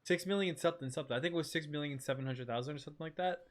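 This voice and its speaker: A man livestreaming a game in casual, slangy, excitable chat, often exclaiming and repeating his phrases. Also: fairly high pitch, very fast. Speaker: game streamer.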